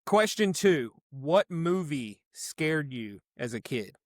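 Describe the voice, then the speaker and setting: A man's voice: a little high, big pitch swings, slow, no echo. Upbeat laughing podcast host man. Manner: upbeat, laughs often, friendly filler talk. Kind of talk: casual podcast interview.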